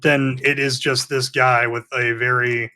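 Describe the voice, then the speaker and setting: A man co-hosting a casual podcast, calmly giving a friend earnest advice about accountability. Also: medium pitch, unhurried. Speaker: podcast co-host. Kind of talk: casual chat.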